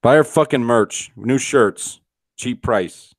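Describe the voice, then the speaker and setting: A man's voice: medium pitch, slow pace. Laid-back swearing man, podcast co-host. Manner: profane, laughs often, rambling restarts. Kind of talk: casual podcast chat.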